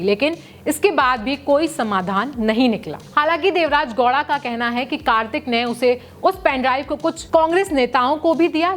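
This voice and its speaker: A woman presenting a scripted news report in a measured, formal way. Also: high voice, fairly bright tone, a little hiss or hum.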